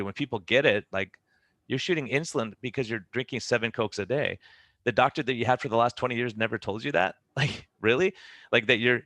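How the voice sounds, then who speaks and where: A middle-aged man, a physician, talking as a podcast guest. He tells energetic stories and acts out what his patients say. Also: mid-range voice, no echo, studio quality. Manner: energetic storyteller who acts out patients' lines. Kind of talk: podcast conversation.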